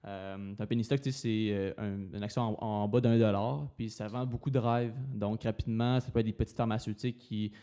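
Quebec French male podcast guest, mellow low timbre, halting casual delivery. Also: fairly even intonation. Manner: hesitant, frequent fillers. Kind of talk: casual finance podcast talk.

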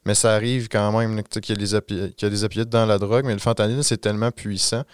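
A man's voice: lowish voice, level tone, clean tone. A man with a Quebec French accent, a street outreach worker, talking informally in a podcast discussion. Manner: fast, informal, peppers with "you know".

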